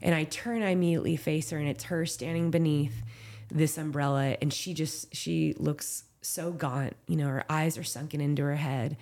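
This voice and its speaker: Candid low-voiced woman telling a story. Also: steady tone, normal speed, darkish tone. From Southern California. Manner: heartfelt, candid, lots of "like" and "you know". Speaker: professional trail runner, guest. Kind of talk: emotional storytelling in a podcast interview.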